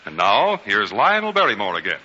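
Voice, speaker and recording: An American radio announcer reads scripted sponsor copy in a formal, emphatic 1940s style with polished phrasing. His fairly low voice moves briskly with huge pitch swings over background music, and the broadcast sounds muffled, with hall echo.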